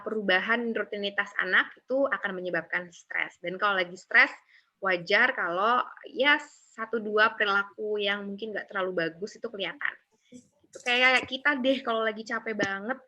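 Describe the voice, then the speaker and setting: A woman with a mid-range voice leads a relaxed webinar about bringing up young children, frequently acting out parents' words and dropping in many filler tags. The video-call audio is dull.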